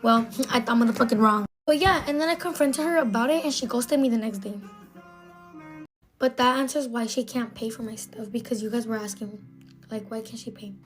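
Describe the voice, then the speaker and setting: A woman's voice: fairly high pitch, normal speed, faint music behind. A young woman telling a casual, gossipy storytime, full of "like". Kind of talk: storytime vlog.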